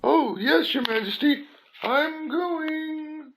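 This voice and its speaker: A man's voice: extremely high pitch, slow, a bit bright, slight background noise, full character voice. A man playing a nervous, fussy hatter in a radio play, humble, jittery and pleading, given to repeating himself.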